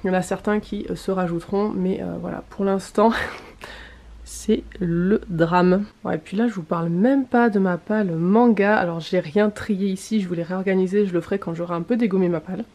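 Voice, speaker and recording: Speaking fairly quickly in a steady, warm mid-range voice, a woman vlogger chats about her books. She uses lots of fillers, clears her throat, and mentions that she's losing her voice.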